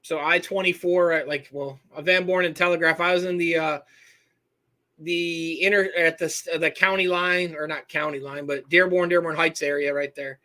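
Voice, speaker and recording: A man's voice: on the high side, fairly even intonation, normal speed, sharp tone. A man from Michigan hosting a live-stream Q&A, answering viewers in a rambling, self-correcting way and reading their names from the chat. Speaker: host answering viewer questions.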